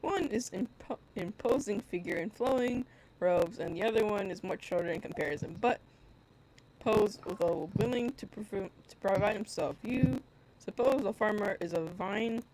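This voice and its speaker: A woman's voice: mid-range voice, moderate pace, background noise. A young woman narrating stage directions for a fan audio drama.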